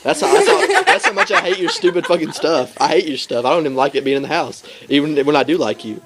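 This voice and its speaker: A woman's voice: deep voice, very animated, quick pace. A man playing a furious foul-mouthed mother. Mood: ranting. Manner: ranting, crude threats. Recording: loud background noise.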